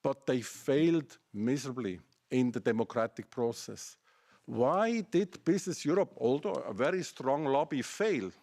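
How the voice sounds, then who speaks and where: At a measured pace, a middle-aged German-accented academic makes an argument in a seminar, his mid-range voice animated and a little mellow. He builds his case by posing pointed rhetorical questions.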